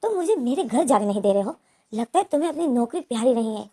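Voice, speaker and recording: A woman's voice: fairly high pitch, big pitch swings, quick pace, mellow. A woman voicing a stubborn, angry young man who is confined to bed, speaking in curt, demanding retorts.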